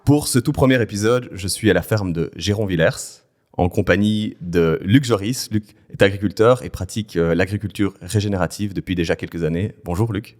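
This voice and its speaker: A man's voice: low voice, normal speed, a little mellow. A man hosting a podcast, introducing the show and asking a guest questions with some hesitation. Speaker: podcast host. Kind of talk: podcast interview.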